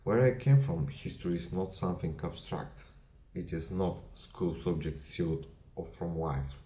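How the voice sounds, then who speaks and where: A man with a Bulgarian accent, a non-native English speaker, speaking to camera about his history channel in measured, deliberate short phrases with small grammar slips. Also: low voice, lively intonation, mellow, roomy sound. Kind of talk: personal address to camera.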